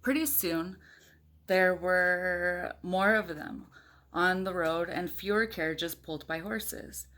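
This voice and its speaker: A woman with a fairly low, fairly bright voice takes her time. She's reading a picture book to young kids and viewers, talking informally like a mom to little ones, with chatty asides and questions.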